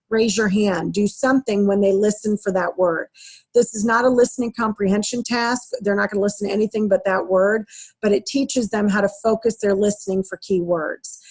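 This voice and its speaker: A woman's voice: mid-range voice, darkish tone. A woman speech therapist lecturing teachers and parents, casual and practical, with frequent ums. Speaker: speech therapist presenting to educators.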